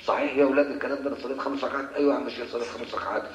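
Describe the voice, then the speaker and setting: An Egyptian-accented sheikh answers worshippers' questions at a mosque in a colloquial religious Q&A lecture, posing rhetorical questions to his listeners. His medium-pitched voice is flat and rapid-fire. The audio is dull and reverberant with slight background noise.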